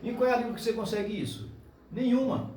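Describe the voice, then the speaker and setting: Brazilian man, lively teacher drilling pronunciation; room echo, distant mic, faint hiss. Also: very high voice, quick pace. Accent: Brazilian Portuguese. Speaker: Esperanto teacher. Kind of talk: classroom demonstration lesson. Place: club meeting room with audience. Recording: echoey room from far off.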